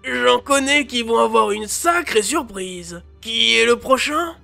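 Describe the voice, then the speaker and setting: A woman's voice: on the high side, expressive, unhurried, vocal fry, faint music behind, heavily acted. A woman voicing a boisterous, hearty male warrior in a fantasy audiobook. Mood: jubilant. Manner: shouting, hearty.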